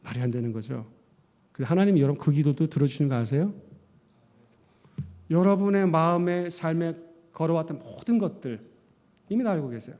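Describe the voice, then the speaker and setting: A man's voice: fairly high pitch, fairly quick, pauses often. Man preaching in a reverberant church. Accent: Korean. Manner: animated storytelling, acting out his own past words. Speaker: pastor. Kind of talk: sermon. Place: church sanctuary.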